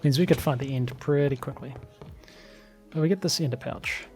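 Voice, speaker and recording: A slightly hoarse man giving casual, chatty commentary as he plays a game, thinking aloud. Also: medium pitch, moderate pace, a little mellow, soft background music. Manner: chatty, thinks aloud with fillers and small laughs. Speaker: let's play gamer.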